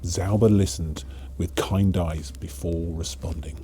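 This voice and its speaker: A man playing a kindly old Father Christmas, gently narrating a storybook to children. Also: low voice, steady tone, measured pace, a little hiss or hum, voice pushed down. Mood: gentle storytelling.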